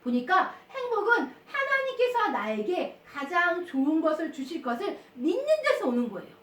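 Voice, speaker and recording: A woman teaching a Sunday school class for children, telling stories in an animated, sing-song way. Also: extremely high pitch, moderate pace. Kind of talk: children's sermon. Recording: echoey room, far from the mic.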